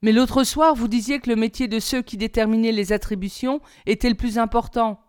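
A woman reading aloud and voicing an earnest twelve-year-old boy, his questions pitched up and eager. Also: fairly even intonation, fairly quick, darkish tone, clear, resonant tone, lightly acted. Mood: anxious.

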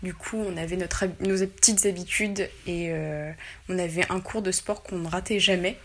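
A woman's voice: on the low side, fairly even intonation, moderate pace. Young woman, radio caller played on air, hesitant, lots of fillers, faint noise behind. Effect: listener's call played on air. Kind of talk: personal anecdote about a song.

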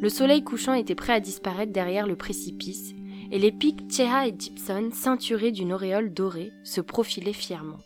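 A woman narrating a folktale in a measured, calm manner. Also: mid-range voice, over music. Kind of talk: storybook narration.

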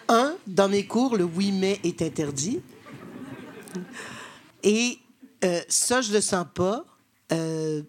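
A woman with a Québécois accent, an acting coach, answering interview questions on stage in a blunt, frank way. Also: fairly low pitch. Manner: blunt, frank, acts out quoted exchanges. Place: theatre stage with live audience.

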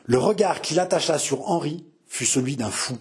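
Brief: male narrator, husky to the point of rasp, slightly high, dramatic reading. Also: animated, darkish tone. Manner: measured, dramatic storytelling. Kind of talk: reading a novel aloud.

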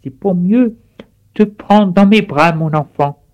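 A man's voice: high-pitched, takes it slowly, a little mellow, highs cut off, pitched above the performer's own voice. A man voicing a hungry, sly wolf who fakes a grandmother's voice and later begs for mercy. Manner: sly, coaxing.

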